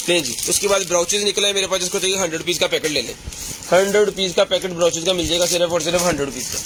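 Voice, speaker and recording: A man giving a hard-sell live shopping pitch, insistently repeating prices and sales phrases. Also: noisy background. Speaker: live-sale seller.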